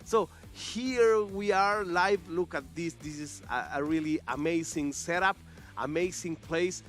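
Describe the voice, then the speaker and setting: A man's voice: fairly high pitch, unhurried, fairly bright tone, soft background music. A male esports commentator speaking live from a tournament venue, enthusiastic and repetitive, with slightly non-native phrasing.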